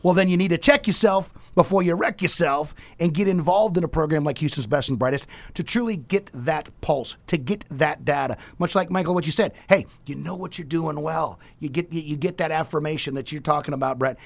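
High-pitched, exuberant male radio host. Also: fairly quick, gravelly, hardly any pauses. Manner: exuberant, hyping, preachy. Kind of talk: lively promotional talk-show hosting.

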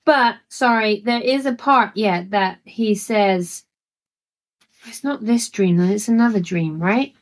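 A woman co-hosting a casual book podcast, animated and laughing often as she acts out lines. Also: medium pitch, slow. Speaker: podcast co-host.

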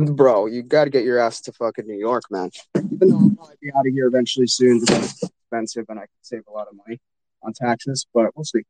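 A man's voice: medium pitch, quick pace, a little mellow, poor audio. A man hosting a casual, hyped live talk show in frat bro slang, swearing freely. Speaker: crypto show host.

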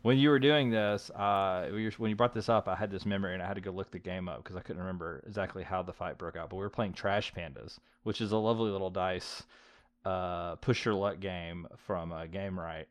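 Brief: middle-aged male co-host, casual filler-heavy chat, low voice, dry. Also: dry recording. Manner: chatty, lots of likes and fillers. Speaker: podcast host. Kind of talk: casual board game podcast chat.

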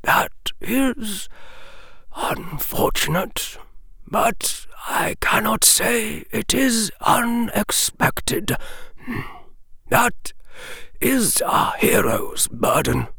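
A man voicing a gentle, sorrowful old male wizard, speaking slowly and solemnly, often sinking into a whisper. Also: high-pitched, expressive, creaky, breathy edge, dry recording, clean studio sound, voice pushed up, exaggerated voice. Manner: slow, soft, partly whispered, solemn. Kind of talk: audiobook character reading.

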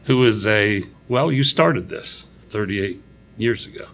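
A man's voice: lowish voice, animated, slow, a bit bright. An American man chatting casually as a podcast host. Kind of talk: casual chat.

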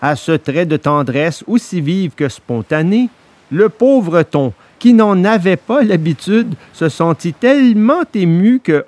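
A woman narrating a storybook reading in a slow, expressive manner. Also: fairly low pitch, no echo.

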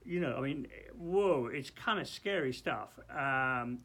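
A man preaching informally in a loft, teaching from the Bible in a halting, exclamatory way and repeating himself as he goes. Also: medium pitch, animated, bright, forceful tone, breathy edge.

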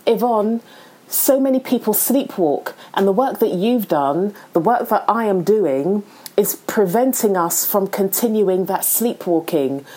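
A podcast host with a warm, medium-pitched voice leads a casual interview conversation. She is expressive and unhurried, sounding reflective, earnest, and encouraging.

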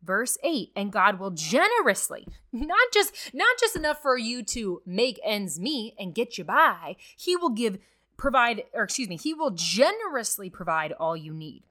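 Bright-voiced woman teaching Bible study. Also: on the high side, big pitch swings, a little slow. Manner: conversational, earnest, many "like" fillers.

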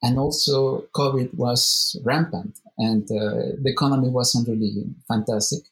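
A man's voice: mid-range voice, steady tone, unhurried, poor audio. Man musing as an interview guest. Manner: thoughtful, repeats words while searching for phrasing. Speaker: meetup organizer, interview guest. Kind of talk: casual interview conversation.

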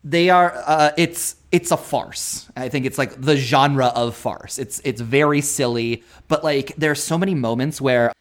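A man's voice: medium pitch, measured pace, few pauses. A man co-hosting a podcast in casual chat, talking enthusiastically and rambling, laughing often. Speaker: podcast co-host.

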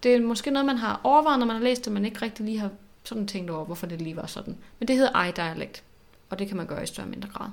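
A woman co-hosting a podcast in casual chat, animated and reflective, often repeating words as she thinks. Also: mid-range voice, creaky, few pauses. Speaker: podcast co-host.

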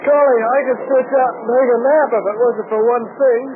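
An eager, boyish young adventurer in a 1940s radio serial. His voice is high and keen, heard through a narrow, clearly noisy old broadcast. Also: steady tone, a little fast. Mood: eager, wary.

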